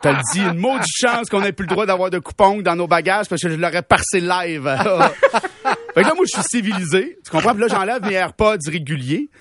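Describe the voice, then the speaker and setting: A young man with a Québécois accent spins a comic story on the radio. His voice sits high and his delivery is lively and full of slang, with laughs at his own punchlines. The recording is close and dry, with no room sound. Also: brisk, dry recording. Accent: Québécois French. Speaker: radio show humor columnist.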